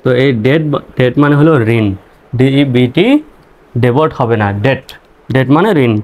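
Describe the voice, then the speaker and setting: A man teaching English reading, spelling words out letter by letter and repeating each pronunciation slowly. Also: medium pitch, darkish tone.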